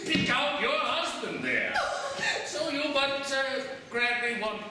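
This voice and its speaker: A man's voice: extremely high pitch, slow, pushed and bright, heavily acted. An actor playing a pompous, scheming courtier father in classical verse drama, with a theatrical, declamatory delivery. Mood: measured coaxing. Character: pompous scheming father, a fawning courtier pressing his daughter. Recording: echoey hall, distant mic, faint noise.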